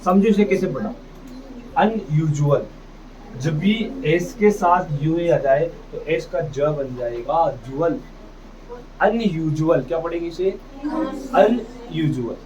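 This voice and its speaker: A man with a slightly high, darkish voice teaches a classroom phonics lesson a little slowly, sounding out English words and drilling pronunciation. He quizzes students with questions he then answers himself, captured by a distant, dull mic with faint noise.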